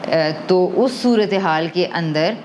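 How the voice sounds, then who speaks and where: A woman who is an adult parent appears as a guest on a podcast about emotional wellbeing, speaking in a fairly low, darkish voice with a little hiss or hum in the audio. She explains things in a thoughtful, conversational way, mixes English terms into her speech and often restarts her sentences.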